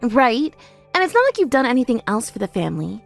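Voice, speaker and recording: A woman's voice: fairly high pitch, very animated, brisk, creaky, soft background music. A woman playing a boastful, mocking older sister in her thirties in a scripted audio story, with a haughty, taunting manner. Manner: haughty, taunting, self-praising.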